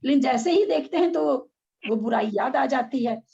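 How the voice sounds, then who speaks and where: A woman's voice: sits high, animated, moderate pace, vocal fry, mellow, slightly rough, muffled recording. A middle-aged woman leading a casual spiritual discussion, frank and argumentative, full of rhetorical questions. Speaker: religious discussion leader.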